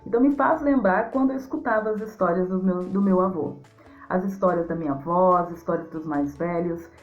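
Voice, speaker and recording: A woman's voice: fairly low pitch, a little fast. Brazilian female storyteller, effusive interview guest for kids; slightly dull audio, faint music bed. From Mato Grosso do Sul, Brazil. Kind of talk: interview answers for a young audience.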